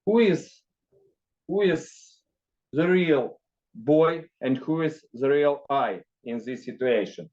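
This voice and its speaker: A man, a non-native English speaker, giving a storytelling speech in halting, broken phrases. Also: fairly high pitch, lively intonation, a little mellow. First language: not English. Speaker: speech contest participant. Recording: dull, muffled audio.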